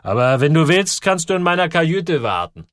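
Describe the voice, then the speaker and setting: A man reading an audiobook, voicing a kindly, worried boiler man who calls out loudly to be heard over noise. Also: on the high side, big pitch swings, moderate pace, no echo, clean studio sound, pitched above the performer's own voice. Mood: friendly. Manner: loud, calling over noise.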